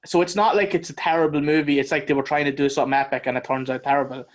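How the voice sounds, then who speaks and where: A man co-hosting a podcast, chatting casually about a movie in a blunt, animated way and swearing freely. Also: on the high side, very fast. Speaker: podcast co-host. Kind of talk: casual movie review chat.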